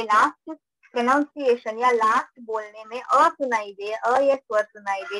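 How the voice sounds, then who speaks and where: A woman's voice: a little high, sharp tone, no echo, poor audio. A woman teaching a live online class, patiently repeating points and checking that students follow. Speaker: Sanskrit teacher.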